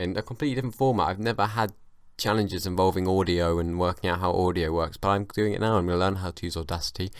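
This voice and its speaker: A man's voice: sits low, clear, resonant tone, no echo, clean studio sound. A young man hosting a solo comedy podcast, rambling and mumbling through a self-mocking stream of thought on a home mic. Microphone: home mic with makeshift pop filter.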